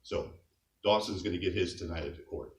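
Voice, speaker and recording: A deep-voiced, middle-aged scout leader speaks fairly quickly at a memorial, offering a conversational eulogy full of light stories and the odd chuckle. The mic is distant, the hall echoes, and there's faint noise.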